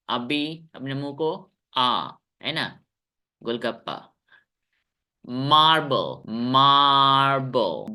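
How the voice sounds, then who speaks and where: In an online English class on a video call, a man with an Indian accent says each word slowly three times for his pupils, keeping a stern manner. His pitch is on the high side, with a pushed, bright quality.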